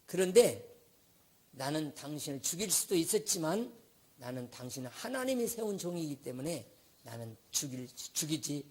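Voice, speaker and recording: David, a humble grown man, as a husky-voiced male preacher acts him out, pleads with a king in a quiet, formal, deferential tone. His voice sits low and soft for this man, grave and restrained. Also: sing-song, normal speed. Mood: solemn pleading.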